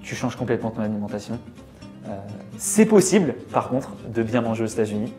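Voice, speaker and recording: A young man from France with a Parisian accent, talking as a guest in a relaxed, chatty interview full of filler words. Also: medium pitch, fairly quick, faint music behind. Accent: Parisian French. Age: young adult. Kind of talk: casual interview chat.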